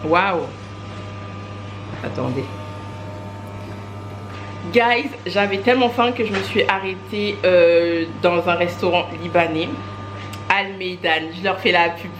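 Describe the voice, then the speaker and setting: A young woman talking casually to her vlog audience as she rushes around town, exasperated and hurried, dropping English phrases into her speech. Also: fairly low pitch. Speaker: vlogger. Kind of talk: casual day-in-my-life vlog chat. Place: outdoors on city streets and at a bus stop. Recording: street noise and passing vehicles behind.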